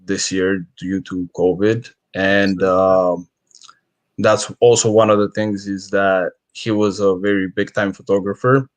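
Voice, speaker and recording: A man from Bulgaria, a guest photographer, speaking in a halting, casual way on a video call. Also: deep voice, flat delivery, dry recording. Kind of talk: casual interview talk.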